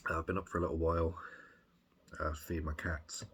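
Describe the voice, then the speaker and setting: Very deep husky Birmingham man. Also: flat delivery, fairly quick, fairly bright tone. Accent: Birmingham English. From Birmingham, England. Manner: rambling, hesitant, thoughtful. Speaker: video diarist. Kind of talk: casual reflective chat, recounting.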